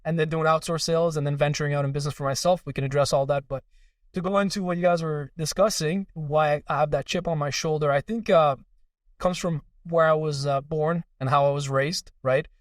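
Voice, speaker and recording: Man from Iran, young adult, podcast guest; quick earnest storyteller, a touch high, dry slightly distant mic. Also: fairly even intonation, dry recording. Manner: fast, earnest storytelling with many fillers. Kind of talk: casual interview conversation.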